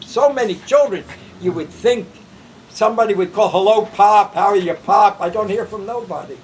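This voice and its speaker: A man's voice: sits high, normal speed, far from the mic, a little hiss or hum, natural voice. A man doing a thousand-year-old grumbler. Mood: complaining.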